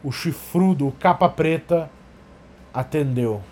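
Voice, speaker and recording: A man recapping a story in casual, profane, animated comedic talk. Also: a little high, takes it slowly, slight background noise. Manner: animated, profane, acts out scenes. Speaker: podcast talker.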